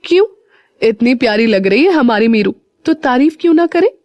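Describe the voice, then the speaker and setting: A woman's voice: mid-range voice, moderate pace, no echo, muffled recording, close to an everyday voice. A woman voicing an affectionate middle-aged uncle. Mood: fond. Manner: warmly affectionate.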